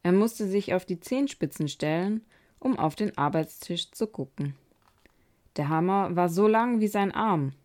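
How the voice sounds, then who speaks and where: Calm woman reading a children's story. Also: lowish voice, unhurried. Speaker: podcast host.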